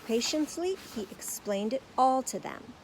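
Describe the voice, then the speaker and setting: A woman narrating a storybook aloud in a lively, expressive way. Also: fairly high pitch, unhurried, slight background noise, low-quality recording.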